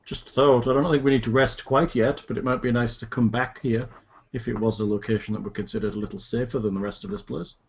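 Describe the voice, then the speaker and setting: Male tabletop player, medium pitch, casual conversational delivery, dull lo-fi sound. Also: fairly even intonation, fast talker, creaky, slightly rough. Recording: dull lo-fi audio.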